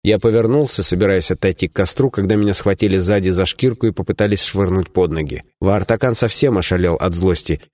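In a studio-quality, dry recording, a man with a deep, slightly mellow voice narrates a fantasy novel in first person as an audiobook reader. He reads fairly quickly with few pauses, keeping it plain and even but shifting his voice slightly for dialogue.

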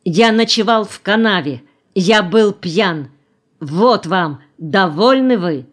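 A woman's voice: medium pitch, lively intonation, slow. A woman reading an audiobook voices a touchy teenage boy who answers back defiantly and haughtily.

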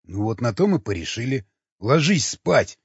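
A man reading an audiobook, voicing a cynical, mocking cannibal who teases and calmly questions. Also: mid-range voice, normal speed, breathy edge, no echo. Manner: sardonic, teasing, calmly questioning. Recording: dull lo-fi recording.

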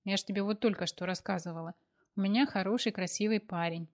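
A woman's voice: mid-range voice, quick pace, a little mellow, lightly acted. A woman voicing an eager young woman in love who talks in a girlish, pleading way. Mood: defensive.

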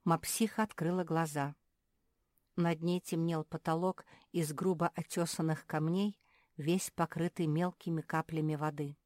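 A woman narrating a children's story in an even, storytelling manner, close to the mic. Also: low-pitched, unhurried, no room sound.

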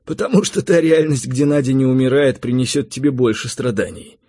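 A man voicing a calm, weary male tiger spirit who speaks gravely and matter-of-factly in an audiobook. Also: mid-range voice, a little fast, dry recording, clean studio sound, pitched above the performer's own voice, natural voice. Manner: quiet, grave, matter-of-fact. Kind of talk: audiobook character reading.

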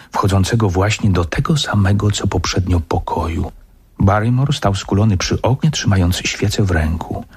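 A man reading a serialised story for radio as the narrator, measured and storytelling. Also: lowish voice, darkish tone, breathy edge. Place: radio studio.

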